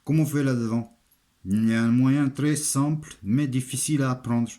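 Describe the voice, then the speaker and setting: An Italian man speaking French with a foreign, Italian accent, giving a halting, step-by-step hands-on craft demonstration in simple, repeated phrases. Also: mid-range voice, steady tone, dark tone. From Italy. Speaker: armourer giving a craft tutorial.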